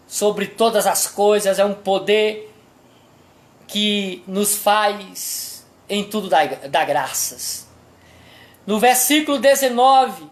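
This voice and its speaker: A pastor with a Brazilian accent preaching a sermon, asking the congregation rhetorical questions and pressing each point with emphasis. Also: medium pitch.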